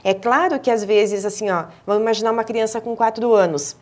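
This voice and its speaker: A woman with a Brazilian Portuguese accent speaks as a guest expert on a studio talk show, her voice sitting a little high. She explains things in a teacherly way, stopping on small hesitant fillers and starting phrases over as she goes. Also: brisk. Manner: didactic, with frequent hesitant fillers and restarts. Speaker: speech therapist and professor, interview guest. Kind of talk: explanatory interview answers. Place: television studio.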